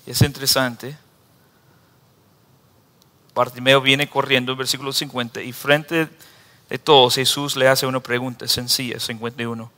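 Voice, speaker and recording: A man's voice: mid-range voice, flat delivery, moderate pace, pauses often, sharp tone, big-room sound. A man preaching a sermon in a church who acts out the people he reads about in raised voices. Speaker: pastor.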